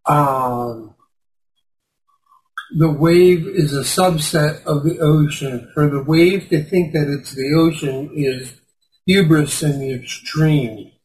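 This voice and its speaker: Slow, firm man in group discussion. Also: a little high, a little mellow, rough recording. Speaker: study group participant. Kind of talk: casual discussion.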